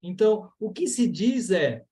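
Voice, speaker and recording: A man's voice: sits high, very animated, unhurried, dark tone. A Brazilian man teaching yoga and mantra in an online lecture, explaining earnestly with many fillers over a video call.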